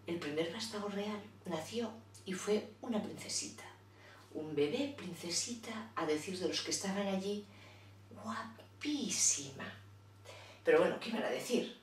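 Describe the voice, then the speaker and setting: A storyteller tells a children's fairy tale playfully and chattily, turning aside now and then to address her listeners. Her mid-range voice sounds distant in an echoey room, with slight background noise.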